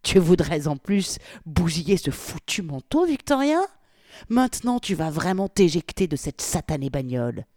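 A brutal male gangster snaps and swears in a loud, harsh voice, put on by a woman reading aloud. He barks orders without letting anyone answer, his lines rising high and swinging widely. It is a dry, close recording. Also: lively intonation, moderate pace, dry recording. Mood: furious. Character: angry brutal male gangster, foul-mouthed.

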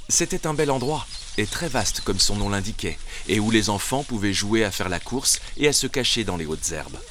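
A man narrating a children's storybook in a gentle, expressive way. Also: fairly low pitch, normal speed, slight background noise.

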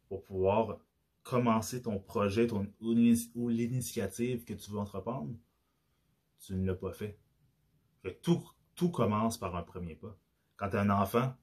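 A man's voice: fairly low pitch, husky. A man with a Québécois accent, hosting his own podcast in a casual, hesitant monologue full of restarts and fillers. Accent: Québécois French. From Quebec. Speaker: podcast host.

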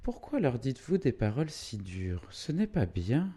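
A man voicing a pious, gentle young girl in a read-aloud classic novel, softly reproachful. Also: medium pitch, big pitch swings, moderate pace, slightly rough, voice pushed up.

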